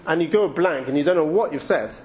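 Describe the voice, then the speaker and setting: A man's voice: fairly high pitch, expressive, fast, darkish tone. A man with an English accent giving an informal Torah talk, chatty and thinking aloud with frequent restarts and asides. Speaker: Torah teacher.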